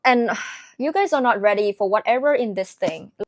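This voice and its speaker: A woman's voice: fairly high pitch, animated, moderate pace, no echo. Earnest Vietnamese-accented woman, dry sound. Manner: earnest, chatty and reflective. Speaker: book vlogger. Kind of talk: casual book review vlog.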